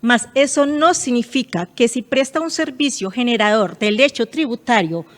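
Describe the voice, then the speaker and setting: A woman's voice: fairly high pitch, moderate pace. Woman explaining tax rules. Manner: precise, explanatory, uses examples. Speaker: guest expert on property tax. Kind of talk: explanatory radio talk.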